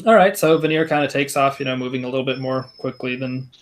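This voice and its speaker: A man's voice: medium pitch, quick pace. A young man running a tabletop game, narrating casually in a rambling, hesitant way with many fillers. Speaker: game master.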